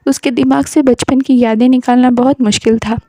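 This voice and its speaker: A woman narrates an emotional story in a slow, scripted storytelling manner. Her voice sits fairly high but has a mellow, darker tone. The recording is close and dry. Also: steady tone, no echo.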